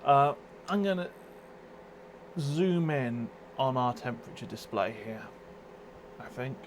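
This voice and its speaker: A man's voice: medium pitch, lively intonation, slow, background noise. A man chatting casually on a live stream, rambling, swearing freely and reacting to chat comments. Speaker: overclocking livestreamer.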